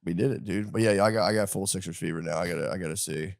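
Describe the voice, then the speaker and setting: A man in his thirties hosts a casual podcast chat with a low, relaxed voice. He talks in loose, excitable slang. The sound is dry and close, with no room echo. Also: racing, gravelly. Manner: excitable, laid-back slang. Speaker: podcast host.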